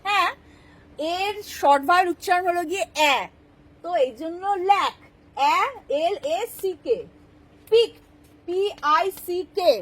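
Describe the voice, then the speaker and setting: A woman's voice: very high voice, measured pace, pauses often, low-quality recording. A woman teaching English spelling rules, patiently explaining and checking that the class understands.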